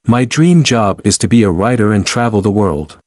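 Slow, repeated example sentences for learners come from a man whose voice is somewhat low, reading short answers one carefully paced line at a time. He sounds clear, even, and deliberate throughout. The audio is close-miked and dry, without any room around it.

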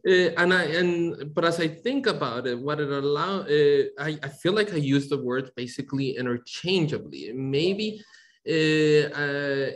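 A middle-aged man from Colombia, an architect speaking in an academic webinar, hesitant, with many fillers and restarts, heard over a video call. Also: on the high side. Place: home room, video call. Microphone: computer mic on video call.

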